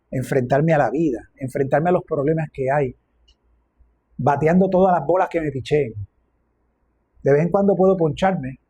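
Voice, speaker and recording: A man preaching a reflective, gently humorous sermon as a minister. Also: fairly high pitch, slightly rough.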